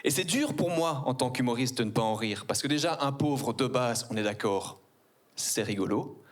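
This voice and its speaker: A man's voice: medium pitch, expressive, moderate pace. A man in his forties with a Belgian French accent, performing a stand-up comedy set on stage, ironic and mock-posh. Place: theater stage before a live audience.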